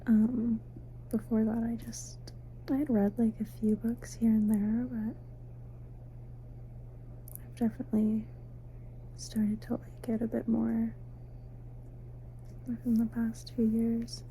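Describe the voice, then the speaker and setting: A woman giving a soft, sleepy, casual ASMR ramble, mostly in a breathy whisper, unhurried and intimate as if talking to the listener. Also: fairly high pitch, level tone, slight background noise, poor audio. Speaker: ASMR host. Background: faint night ambience, crickets outside.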